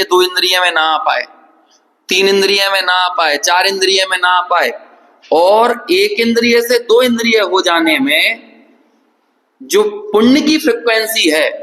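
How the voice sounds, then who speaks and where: A man's voice: high voice, sharp tone. A man giving a religious discourse in a lecture hall, asking his listeners rhetorical questions and acting out little dialogues. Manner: asks the audience rhetorical questions; acts out dialogues from anecdotes. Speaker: Jain scripture lecturer. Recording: long hall reverb.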